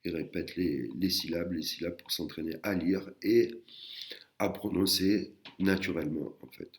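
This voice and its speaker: Very deep gravelly male teacher. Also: steady tone. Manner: hesitant, many fillers and restarts; sounds out syllables slowly. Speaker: Thai language teacher. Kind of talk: casual spoken lesson.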